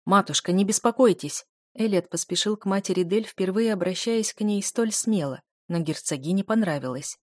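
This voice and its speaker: Woman narrator, mid-pitched, measured, dry close mic. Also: a little mellow, no echo. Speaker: audiobook narrator. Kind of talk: scripted narration.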